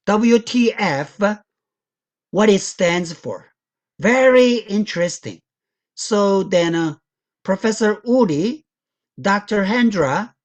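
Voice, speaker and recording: Slow, deliberate woman lecturing over slides. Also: medium pitch, a little mellow. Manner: slow, deliberate, non-native English with loose grammar; asks the audience frequent check questions. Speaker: guest lecturer. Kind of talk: academic lecture walking through slides.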